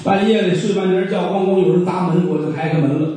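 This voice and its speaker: A man's voice: high-pitched, fast, mellow, close to an everyday voice. A man playing a sly middle-aged male butcher who rambles glibly through a confession. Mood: confessing. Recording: very echoey hall from far off.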